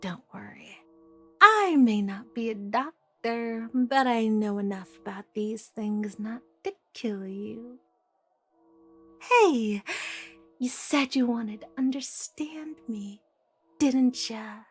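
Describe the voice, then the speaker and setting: The Joker, a slow, taunting villainess. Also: female voice, a little high, slightly rough, faint music behind. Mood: gleeful, sadistic. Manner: taunting, theatrical, slipping between whispers and outbursts. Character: deranged female Joker, playful, menacing asylum villain. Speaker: voice actor in an audio roleplay. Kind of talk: ASMR audio roleplay acting.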